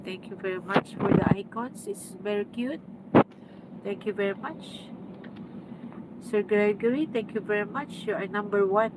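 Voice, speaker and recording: A woman's voice: mid-range voice, measured pace, very noisy. A woman from the Philippines chatting casually on a livestream, mixing Tagalog and English and thanking viewers by name. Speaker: livestream host. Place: home with aircon running.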